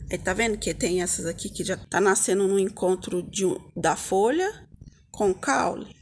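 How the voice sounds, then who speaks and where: Brazilian woman with a creaky voice. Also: medium pitch, lively intonation, normal speed, a little hiss or hum. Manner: addresses viewers as little friends, homely and informal. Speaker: gardening vlog host. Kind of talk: casual hands-on gardening tutorial. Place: outdoor home yard with potted plants.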